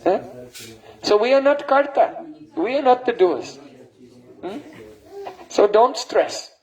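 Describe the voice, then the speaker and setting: A man's voice: very high voice, expressive, slow pace, a little mellow, rough recording. A man, a spiritual teacher, giving a devotional lecture and often checking in with his listeners with a questioning "hmm?". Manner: breaks into sung and chanted verses.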